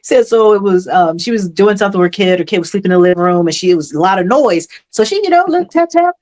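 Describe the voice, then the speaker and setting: A woman's voice: lowish voice, fairly even intonation, racing, a little mellow. A woman co-hosting a podcast in casual chat, retelling stories in a chatty way. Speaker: podcast co-host.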